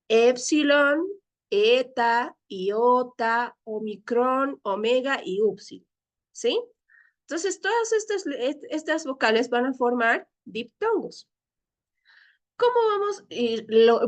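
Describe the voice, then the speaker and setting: A woman teacher leading a Greek class, explaining patiently step by step and often checking with her students. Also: fairly high pitch. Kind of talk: online class lecture.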